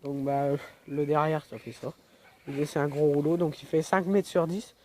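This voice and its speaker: This is a young man vlogging his yard outdoors, phone camera in hand, while nursing a cold and rambling with many filler words. His voice sits a little high, with fairly even intonation and a moderate pace, against background noise.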